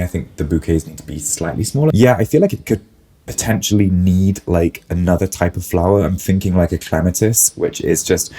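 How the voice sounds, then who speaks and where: A florist with a deep, dark-toned voice muses in a casual reaction video. He sounds a little snuffly from a cold and hedges his opinions, leaning heavily on "like" and "I think."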